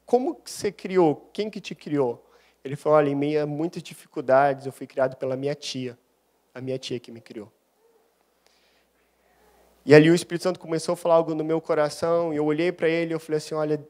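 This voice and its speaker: A young adult man, a deacon giving a sermon built on personal testimony and acting out the dialogue as he tells it. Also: fairly high pitch. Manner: animated storyteller, acts out dialogue. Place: church.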